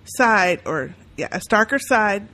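A woman's voice: medium pitch, lively intonation, slow, bright, forceful tone. A woman co-hosting a podcast, chatting and reading listener emails aloud in a blunt, sarcastic way, swearing freely. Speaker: podcast co-host.

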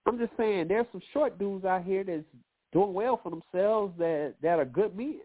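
This man speaks in a fairly high voice at a moderate pace while hosting a call-in radio show, handing out loose, profane relationship advice. Allergies leave him a little nasal and wheezy. The line sounds lo-fi, like a phone.

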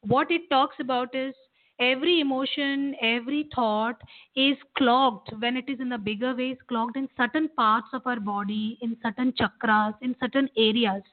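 A woman's voice: on the high side, steady tone, moderate pace. A woman with an Indian accent explaining as a meditation teacher, repeating phrases for emphasis. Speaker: meditation teacher and guest expert. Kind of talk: explanatory interview talk, guiding meditation. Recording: tinny, narrow phone-line sound.

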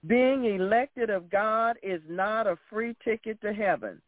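A man delivers an exhorting sermon in a notably high voice. He takes his time, stressing and repeating phrases as he admonishes his listeners. The sound is thin and narrow, like a phone line. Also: dry recording. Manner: emphatic, deliberate, repeats phrases. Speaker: preacher. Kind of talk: sermon with scripture readings.

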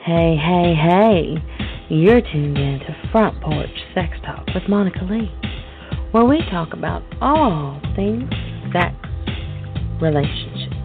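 A woman's voice: fairly low pitch, expressive, slow. A woman delivering a teasing scripted intro as a radio show announcer. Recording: tinny lo-fi audio under loud music.

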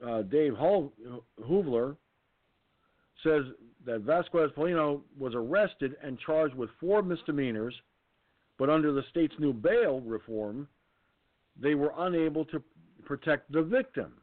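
New guy hosting a talk radio show, cusses a lot, bit high voice, tinny phone sound. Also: animated, measured pace, dry recording. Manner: blunt, swears, indignant. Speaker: host.

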